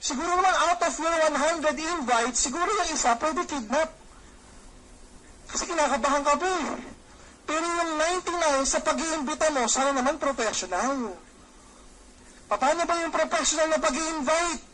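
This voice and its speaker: A middle-aged man with a high voice leads a Taglish training seminar. He talks in a lively way, throws questions at his listeners and slips into little acted-out exchanges. A faint hiss of noise sits under his voice. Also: normal speed, low-quality recording. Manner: lively, acts out quoted dialogue; asks the audience questions. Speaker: network marketing trainer.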